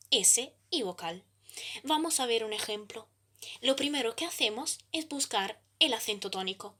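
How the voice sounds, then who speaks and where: Higher-pitched woman reading a grammar lesson. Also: pushed and bright. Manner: measured reading, slowing down to spell out examples. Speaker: student presenter. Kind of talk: scripted grammar explanation.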